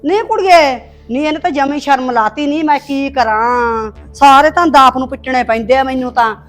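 A woman's voice: high voice, moderate pace, natural voice. An actress playing a harsh, nagging stepmother in a village short film, speaking Punjabi with a Punjabi accent. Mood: scolding. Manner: nagging, scolding, sharp-tongued. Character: harsh scolding stepmother, middle-aged village woman.

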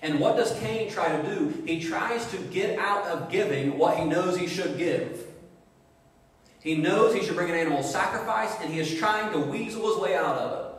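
Emphatic preacher in an echoey hall. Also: male voice, sits high, normal speed. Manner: emphatic preaching with repeated rhetorical questions. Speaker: pastor. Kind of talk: sermon. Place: church sanctuary.

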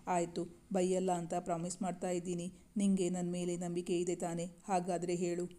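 Affectionate young boyfriend in a storybook, playful and soothing, read by a woman; low, even, warm delivery. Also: normal speed, close to an everyday voice. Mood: reassuring. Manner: playful, reassuring. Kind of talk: storybook dialogue reading.

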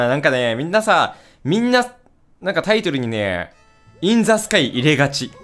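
Excitable young man narrating his gameplay. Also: on the high side. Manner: excitable, blurts rapid reactions and laughs; rough casual talk, playful mock scolding. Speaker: gaming video host. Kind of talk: let's-play commentary.

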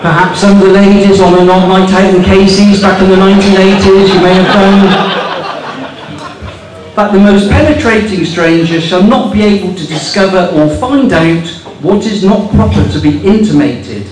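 This fifties-aged comic, performing stand-up in a small club, mockingly reads out rules as if he can't believe them and curses to get laughs. He speaks at normal speed in a high, darkish voice. The sound comes from a handheld mic on a stand, recorded at a distance in an echoey room.

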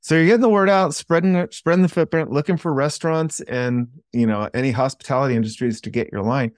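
A man's voice: mid-range voice, quick pace, no echo, clean studio sound. A man hosting an interview, offering short affirmations and asking the guest where listeners can learn more. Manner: brief affirming backchannels and wrap-up questions. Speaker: podcast host. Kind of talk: interview host.

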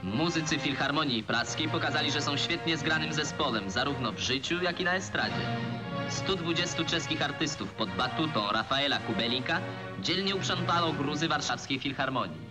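A man's voice: a little high, expressive, moderate pace. Old newsreel guy, formal declaiming, big music blaring under him. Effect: old newsreel soundtrack. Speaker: newsreel narrator. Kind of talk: 1940s newsreel narration.

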